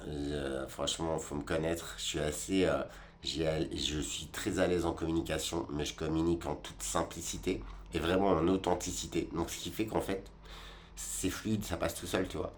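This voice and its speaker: A man's voice: very deep voice, a little hiss or hum. A man in his forties giving a rambling, colloquial monologue, talking straight to the viewer about life. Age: 40s. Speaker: vlogger. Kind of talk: casual reflective monologue.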